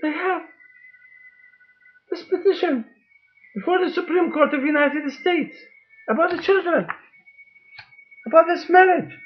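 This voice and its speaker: Man, very high pitch, slow deliberate emphatic delivery, personal appeal to camera; muffled lo-fi recording. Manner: emphatic and repetitive, halting phrases, holds up documents. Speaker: father making a video appeal.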